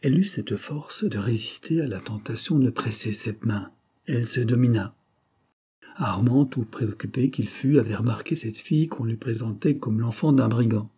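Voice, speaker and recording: A male narrator reads a classic novel aloud in a measured, expressive manner. His voice is dark and mellow with a husky grain. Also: mid-range voice. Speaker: audiobook narrator.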